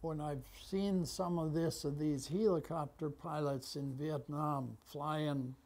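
An American man in his nineties with an aged voice, recounting memories conversationally and haltingly, with long pauses. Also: on the high side, steady tone, a little mellow. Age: 90s. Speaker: war veteran being interviewed. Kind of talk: conversational reminiscence. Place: small office, indoors. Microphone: lapel mic.

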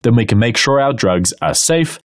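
A man's voice: medium pitch, animated, moderate pace, no echo, clean studio sound. A man narrating a scripted educational explainer with playful, wry asides. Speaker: host and narrator.

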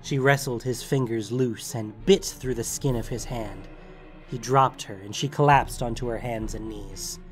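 A man giving dramatic, steady scripted narration of a story. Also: medium pitch, a little slow, faint music behind.

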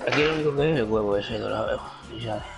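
Gravelly fast-talking man. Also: on the low side, music in the background. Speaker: friend co-playing. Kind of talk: casual gameplay chat.

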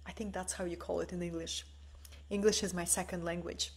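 This woman in her forties, a spiritual teacher from the former Soviet Union, streams a soft, meditative talk from a bright living room indoors. Her voice is on the low side, husky and level, her pace slow, and she keeps asking "right?"

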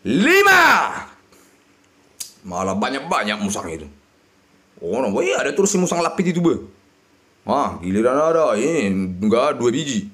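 A man, shouting and muttering over a slot game as he streams it. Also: medium pitch, sing-song, moderate pace. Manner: shouting and chanting at the reels, swinging between yelling and mutters. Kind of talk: excited live slot-game commentary.

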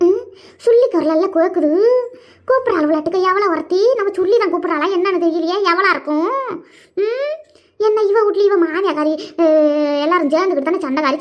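A woman voicing a grumbling woman who plays the older sister in a cartoon. She speaks with a quick, scolding chatter. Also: very high-pitched, highs cut off. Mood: curious. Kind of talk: animated cartoon voice acting.

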